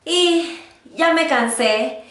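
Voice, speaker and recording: A woman's voice: sits high, expressive, drawn-out words, roomy sound, noisy background. A woman from Mexico with a Mexican accent and a speech impediment that keeps her from pronouncing R properly, telling personal stories as a YouTuber talking to camera. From Hidalgo, Mexico.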